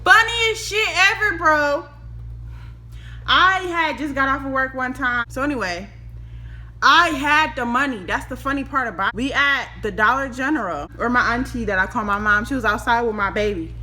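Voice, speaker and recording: Giggly, tipsy young woman, bright voice. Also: sits high, normal speed, rough recording. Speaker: vlogger giving a makeup tutorial. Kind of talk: casual chat to camera. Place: small room at home, indoors.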